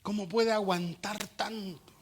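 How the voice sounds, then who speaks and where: High-voiced Chilean man preaching. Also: unhurried, a little hiss or hum. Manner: animated preaching with acted-out quotes. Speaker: pastor. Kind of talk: sermon.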